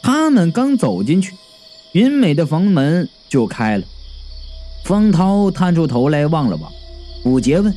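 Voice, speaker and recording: A man's voice: on the high side, measured pace. A man narrating a comic first-person audiobook in a chatty, playful way. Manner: chatty, playful, with sudden lively swoops.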